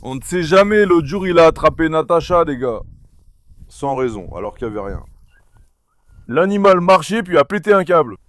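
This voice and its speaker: Outdoors on a farm among animals, a man chats casually to the camera while handling his dogs, coaxing them and calling them again and again. His voice sits a little high and is animated and fairly bright, with a moderate pace and a dry recording.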